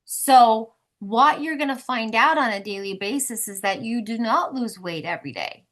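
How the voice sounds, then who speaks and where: A woman's voice: fairly high pitch, expressive, moderate pace, fairly bright tone. Chatty woman leading a support group. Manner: chatty, encouraging, upbeat. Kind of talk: casual group talk, instructing.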